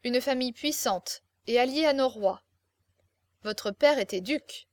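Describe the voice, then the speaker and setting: A woman reads a scheming older prince in an audiobook. He speaks calmly and solemnly in a measured way, and the recording is dry and close. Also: high voice, no room sound. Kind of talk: audiobook character reading.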